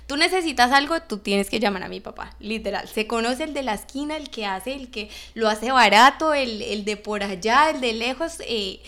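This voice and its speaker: Chatty high-voiced young woman storyteller. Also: moderate pace, hardly any pauses. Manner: animated, acts out voices of others. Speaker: vlogger. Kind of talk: casual storytelling.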